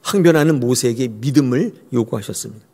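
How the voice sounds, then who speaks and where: A man's voice: mid-range voice, fast talker, darkish tone, husky. A male pastor preaching a sermon expressively and addressing the congregation directly. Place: church. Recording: long church hall reverb.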